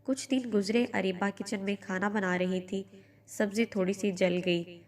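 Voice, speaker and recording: A woman narrating a moral family story in a calm, measured storytelling manner. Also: mid-range voice.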